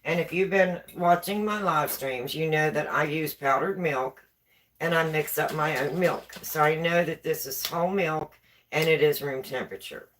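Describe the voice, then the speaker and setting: The audio, taken from a camera on a tripod, is low quality with slight background noise. It features a woman with a West Virginia accent hosting a casual baking live stream in her home kitchen, chatting and repeating herself as she reads viewer comments, her low, fairly bright voice moving at a moderate pace.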